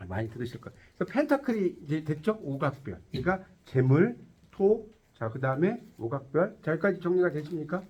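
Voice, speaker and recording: A man with a husky, slightly higher voice lectures a classroom full of students. His pitch swings animatedly as he quizzes them, jokes and laughs his way through the lesson. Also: very animated, a little fast, darkish tone, lo-fi sound. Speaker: tarot instructor.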